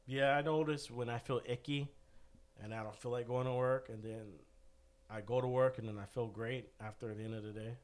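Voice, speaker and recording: A man's voice: mid-range voice, steady tone, a little fast. A man chatting casually on a podcast, telling a long, rambling story and saying "dude" a lot, while still recovering from an illness. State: recovering from covid, still short of breath. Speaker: guest.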